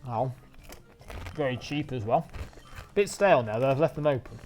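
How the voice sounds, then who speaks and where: A man's voice: mid-range voice, lively intonation, moderate pace, darkish tone, a little hiss or hum. An English man live-streaming a video game, chatting casually and rambling while he snacks. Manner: rambling, chatty, talks with mouth full.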